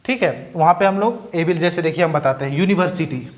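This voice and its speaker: A young man teaching a grammar lesson, who asks questions and answers them himself and sounds words out slowly. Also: fairly high pitch, expressive. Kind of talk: Hindi-medium English grammar lesson.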